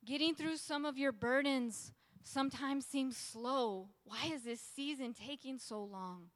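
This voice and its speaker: A woman's voice: high-pitched, measured pace. A woman preacher giving an emphatic sermon and repeating key phrases for weight. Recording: long hall reverb.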